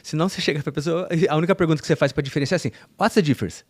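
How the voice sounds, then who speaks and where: Quick-talking man hosting a podcast. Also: fairly high pitch, fairly even intonation. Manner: agreeable, chimes in with short affirmations. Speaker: podcast host. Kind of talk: casual podcast chat.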